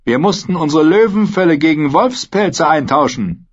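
Man playing a taunting southern sellsword, blunt, raised louder voice, audiobook character, dull lo-fi sound. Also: fairly high pitch, animated, moderate pace, pitched above the performer's own voice. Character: blunt Dornish male sellsword. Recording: dull lo-fi recording.

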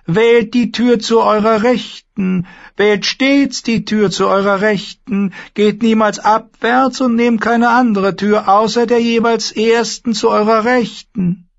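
A man voicing an eerie, ominous male warlock who gives slow, solemn warnings in a much higher voice. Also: fairly even intonation, creaky, dull audio, exaggerated voice.

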